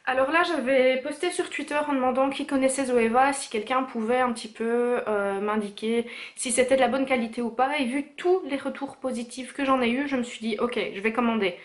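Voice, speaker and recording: A woman's voice: high-pitched, fairly quick, hardly any pauses. A young woman showing her makeup purchases in a casual haul video, chatty, with many fillers and self-corrections. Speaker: beauty vlogger.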